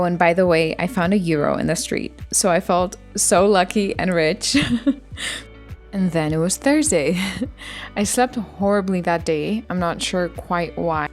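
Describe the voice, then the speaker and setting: A woman's voice: fairly low pitch, a little mellow. A young woman talking casually and informally about her days in a chatty, self-deprecating vlog style. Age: young adult. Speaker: vlogger. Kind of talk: casual vlog narration and chat.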